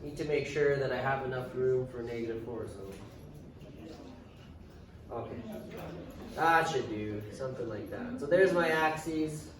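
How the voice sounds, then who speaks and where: A man's voice: medium pitch, unhurried, long pauses. A man teaching math to a class in a casual, chatty way, thinking aloud as he writes and dropping dry sarcastic remarks. He sounds distant from the mic in a very echoey classroom. A faint hiss sits under his voice. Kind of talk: classroom lecture.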